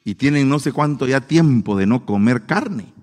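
A man preaching a sermon with humor, animated and playful, acting out the voices he quotes. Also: mid-range voice, moderate pace, big-room sound.

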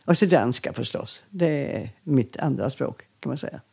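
Husky older woman telling chatty stories. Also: rumbling low. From Skåne, southern Sweden. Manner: chatty, lively anecdotes, rambles and laughs easily. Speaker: singer being interviewed. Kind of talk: casual storytelling.

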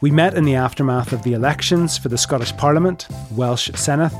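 A man's voice: mid-range voice, a little fast, faint music behind. A man with a Belfast accent, hosting a conversational interview podcast and putting questions to guests. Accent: Northern Irish, Belfast. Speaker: podcast host.

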